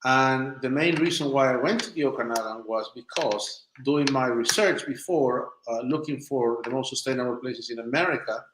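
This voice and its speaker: This interview guest, a documentary maker whose first language is Spanish and who comes from Chile and southern Spain, answers informally at normal speed with hardly any pauses, though he still gropes for words. His medium-pitched voice is a bit bright. Slight background noise sits under a roomy, echoing sound.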